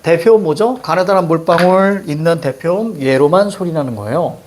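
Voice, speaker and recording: A middle-aged man with a Seoul accent teaching a Korean language lesson, animated and joking with students, repeating cue words. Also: a little high, a little fast, a little hiss or hum. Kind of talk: lively classroom lecture.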